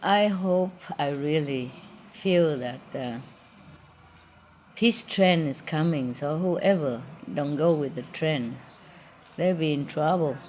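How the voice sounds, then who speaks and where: A woman's voice: low voice, takes it slowly, a little mellow, a little hiss or hum. A woman spiritual teacher chatting casually with a gathering, playful and laughing often, in broken English.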